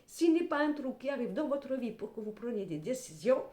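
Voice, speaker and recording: A middle-aged woman doing a casual tarot reading to camera. She talks bluntly and swears, with lively swings in pitch and frequent verbal tics. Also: brisk, a little hiss or hum. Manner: animated, blunt and salty, with repeated "hein" and "voilà". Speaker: tarot card reader. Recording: echoey room.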